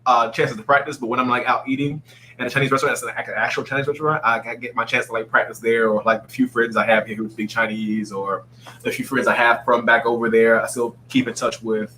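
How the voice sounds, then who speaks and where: A man with a bright, forward voice talks as an interview guest, animated and quick to act out other people's lines. A faint hum sits in the background of the recording. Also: mid-range voice, rough recording. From Saudi Arabia. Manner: animated storyteller, acts out quotes. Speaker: guest dancer. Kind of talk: casual interview talk.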